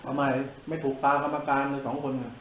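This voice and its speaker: Blunt scolding older monk, echoey room. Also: male voice, medium pitch, steady tone, fast talker. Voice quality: coarse, scolding, laughs at his own jokes. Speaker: monk giving a sermon. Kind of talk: blunt informal sermon.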